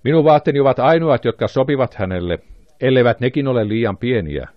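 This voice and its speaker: A man voicing a calm, fatherly lord of the jungle in an audiobook. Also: mid-range voice, dry recording, muffled recording, pitched above the performer's own voice, lightly acted. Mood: warm.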